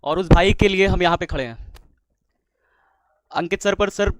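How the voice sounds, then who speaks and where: A man teaching at a coaching class who speaks to students in an emotional appeal, pleading again and again and rising into loud, fervent declarations. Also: high voice, normal speed. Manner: pleading, with folded-hands requests.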